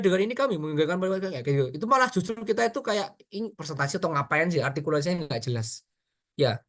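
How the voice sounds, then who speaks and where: A man giving an informal public speaking workshop, chatty and animated, talking straight to his audience with asides and quick examples. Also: on the high side. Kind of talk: casual online workshop talk.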